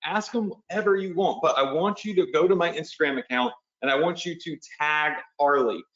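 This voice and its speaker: A man's voice: a little high, fairly quick, a bit bright, reverberant, lo-fi sound. A man hosting a live online training, casual and chatty, walking viewers through steps and checking in with them often. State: has the hiccups. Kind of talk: casual live webinar walkthrough.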